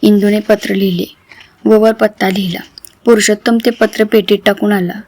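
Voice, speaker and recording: Woman narrator, storybook reading, steady, plain, mid pitch. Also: normal speed.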